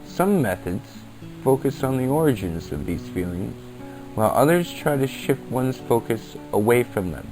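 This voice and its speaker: A podcast host reads scripted informational narration at a moderate pace, his medium-pitched voice very animated. Music plays underneath, and the low-quality amateur recording was made on basic equipment with uneven levels.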